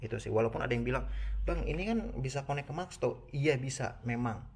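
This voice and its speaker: A motorcycle gear reviewer with a Jakarta Indonesian accent talks briskly, his mid-range voice lively, slightly mellow and breathy. He gives an informal product review, explaining things casually to viewers over background music.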